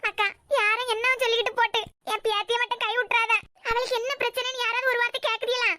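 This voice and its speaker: A woman's voice: very high voice, level tone, fast, sharp tone, no room sound. A woman with a Kanyakumari Tamil accent voicing a worried old grandmother in a cartoon, pleading for her granddaughter.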